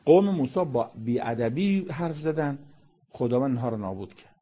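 A man delivers a conversational sermon, reciting verses and then unpacking them with rhetorical questions. His voice is husky and sits at a middling pitch. The recording sounds dull and lo-fi. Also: lively intonation, mellow. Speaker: religious lecturer explaining Quran verses.

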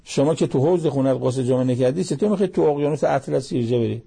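Gravelly, husky-voiced male preacher. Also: medium pitch, mellow. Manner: recites Arabic verses, explains in Persian, asks pointed rhetorical questions. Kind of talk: sermon on Quran verses.

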